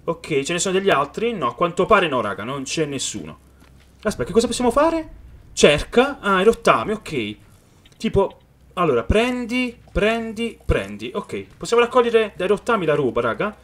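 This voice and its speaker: A man giving excited let's-play commentary on a video game, reading the game's dialogue aloud and talking straight to his viewers. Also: high voice, fairly quick. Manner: excited, calls viewers "raga" often. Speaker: gaming youtuber.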